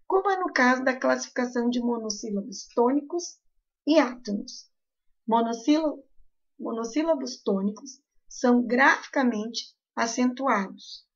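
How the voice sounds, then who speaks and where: Woman teacher explaining slowly, lo-fi. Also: a little high. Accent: southern Brazilian Portuguese. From Brazil. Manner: slow, careful explanation. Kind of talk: recorded grammar lesson.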